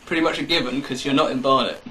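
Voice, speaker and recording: A man's voice: mid-range voice, fast talker. Man on old hissy camcorder tape. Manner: rambling, self-mocking jokes. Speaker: friend recording a birthday message. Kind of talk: casual home video chat.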